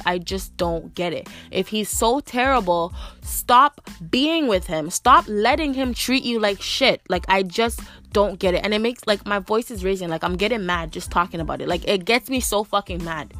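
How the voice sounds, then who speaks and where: Faint music plays behind a young woman of medium pitch speaking at a moderate pace. She hosts a podcast and rants without filter, cursing a lot and peppering her speech with "like".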